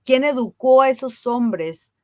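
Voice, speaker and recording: A woman speaks as a guest in a casual interview. Her voice sits fairly high and sounds dry and close. She talks earnestly and with emphasis, often asking rhetorical questions. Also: lively intonation, unhurried, a little mellow, dry recording. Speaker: guest on women's ceremonial circles.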